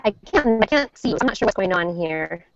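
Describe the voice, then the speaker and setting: A woman's voice: mid-range voice, expressive, fairly quick, no echo. A woman's voice arriving over an online call that keeps dropping out and breaking up, dull and lo-fi in tone. She sounds puzzled, checking the line again and again. The sound is dry, with no room around it. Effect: internet call audio cutting out and breaking up. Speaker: podcast co-host, homeschooling mom. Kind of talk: casual online chat. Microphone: video call.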